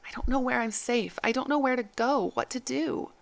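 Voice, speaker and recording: Eine Frau als ängstliche junge entlaufene Sklavin. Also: female voice, fairly high pitch, normal speed, vocal fry, pitched above the performer's own voice. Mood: anxious. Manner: anxious, blurting. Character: frightened young runaway slave woman.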